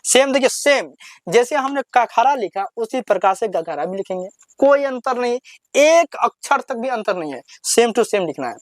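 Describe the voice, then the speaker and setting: Man, high voice, alphabet lesson, patient, repetitive, dry sound. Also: animated, moderate pace, dry recording. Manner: patient, repetitive, drawing out each syllable when reciting. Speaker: teacher.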